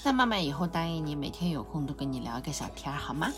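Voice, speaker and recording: A woman's voice: low-pitched, sing-song, very fast. A mother chatting at bedtime with her young daughter, teasing her playfully, laughing often and soothing her. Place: home at bedtime. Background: soft music she plays.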